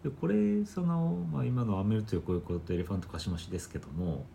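A man co-hosting a casual podcast chat, calmly explaining and sounding out word accents. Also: fairly low pitch, fast talker, gravelly, slight background noise. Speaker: podcast co-host.

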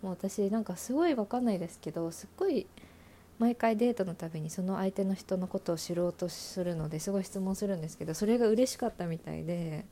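A woman with a mid-range, dark-toned voice talks fast while hosting a casual solo talk show. In this storytelling monologue she frankly shares personal dating anecdotes, using many fillers.

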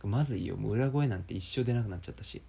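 A young man with a Kansai accent, rambling through a casual, self-mocking solo podcast in a low voice. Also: very fast, creaky, dark tone, breathy edge. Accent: Kansai Japanese. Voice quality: low speaking voice.

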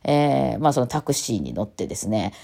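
A woman's voice: rumbling low, sing-song, fairly quick, gravelly, warm tone. A woman with an Osaka Kansai accent, hosting a casual solo talk show in a chatty, rambling way with lots of fillers. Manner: rambling and chatty, with many fillers and self-corrections. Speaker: musician and podcast host.

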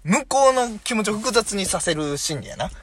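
A man's voice: high voice, animated, moderate pace, fairly bright tone, a little hiss or hum. A young man in his twenties with a Kansai accent, co-hosting a comedy talk show and reading out listener letters in a playful, teasing way. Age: 20s. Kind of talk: casual comedic banter.

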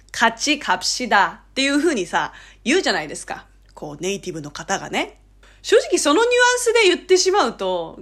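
A woman with a Korean accent hosting a casual solo talk show, laughing often and acting out quoted lines. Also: fairly high pitch. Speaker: podcast host.

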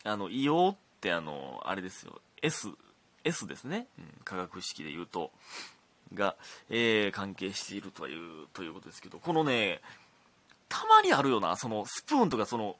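Chatty Kansai-accented man, low lively voice. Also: normal speed, slightly rough, no echo. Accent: Kansai Japanese. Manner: chatty, laughs often, drops to mutters and whispers. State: slightly hoarse throat. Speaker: podcast host reading listener letters. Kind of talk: casual solo chat.

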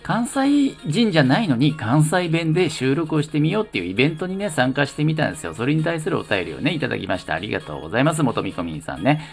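A man from the Kanto region chats alone into the mic as host of his own talk show. His voice sits at a middle pitch but swings up and down a lot, and his tone is playful and self-mocking. Soft music plays quietly behind him. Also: vocal fry. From Kanto region of Japan. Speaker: solo podcast host reading listener letters. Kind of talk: casual solo radio talk.

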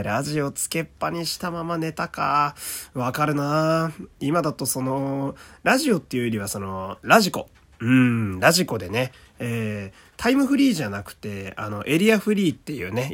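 A male voice actor hosting his own talk radio show, chatting casually in a put-on Kansai dialect, laughing often and reading listener letters aloud. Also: mid-range voice. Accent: put-on Kansai dialect mixed with standard Japanese.

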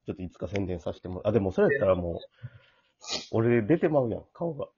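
Fast, husky, lowish Kansai man. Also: sing-song, highs cut off. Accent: Osaka-area Kansai Japanese. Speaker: radio talk show co-host. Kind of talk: casual two-person banter.

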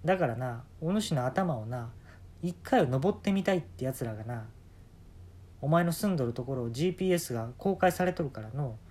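A husky-voiced man voicing a bossy old man in work robes who turns out to be a talking fallen leaf, in a drawling old-fashioned way of speaking. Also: medium pitch, lively intonation, fairly quick, a little mellow, lightly acted. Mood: grave.

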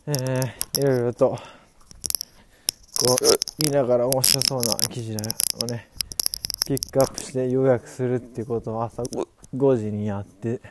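A man's voice: mid-range voice, steady tone. Very drunk young man rambling, noisy recording. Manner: halting drunken rambling, repeating and restarting words. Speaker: podcast host. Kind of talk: casual solo podcast monologue. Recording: clearly noisy recording with clicks.

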